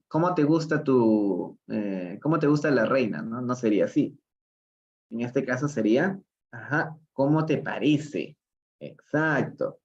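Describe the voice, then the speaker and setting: A man with a Peruvian Spanish accent teaching English live online, explaining step by step and asking questions of the chat. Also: mid-range voice. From Peru. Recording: slightly dull, lo-fi livestream audio.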